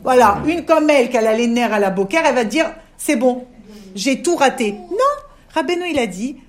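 A woman's voice: high-pitched, sing-song, moderate pace, slight background noise. A woman leading a women's religious discussion, coaxing her listeners and often checking that they understand. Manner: coaxing, keeps asking "you understand?".

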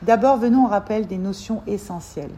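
A woman teaching an informal religious class to a group of women, animated, repeating words and acting out little dialogues as she explains. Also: medium pitch, brisk, a little hiss or hum.

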